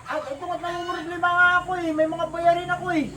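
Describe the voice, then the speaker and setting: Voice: very high-pitched, little pitch movement, quick pace, far from the mic. A performer playing a scolding neighbor who lectures gamblers and then plots to get money, in a comedy skit. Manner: scolding, conspiratorial. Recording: noisy outdoor take.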